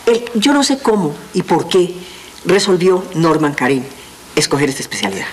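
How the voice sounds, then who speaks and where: An older woman hosting a TV interview, chatty and lively, quick to jump in. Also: on the low side, slight background noise, rough recording. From Colombia. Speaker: TV host.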